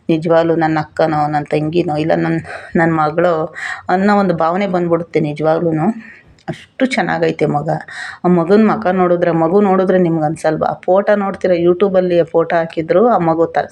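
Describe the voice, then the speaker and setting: A woman's voice: on the low side, a little mellow. A middle-aged woman vlogger with a rural Kannada accent, talking in an impassioned, pleading, repetitive way in an emotional monologue.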